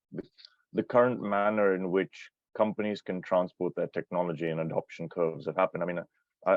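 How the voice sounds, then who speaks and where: A man's voice: sits low, darkish tone, no room sound, lo-fi sound. A man co-hosting a podcast, asking long, winding questions with many restarts. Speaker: podcast co-host. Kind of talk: interview questions.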